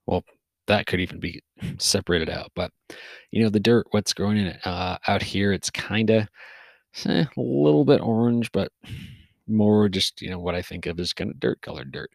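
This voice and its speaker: A man's voice: lowish voice, normal speed, gravelly, dry recording. A man hosting a podcast alone, talking casually in a loose, rambling way with many fillers and restarts, sounding a little tired. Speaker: podcast host. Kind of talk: casual solo podcast monologue. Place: recorded outdoors near a forest.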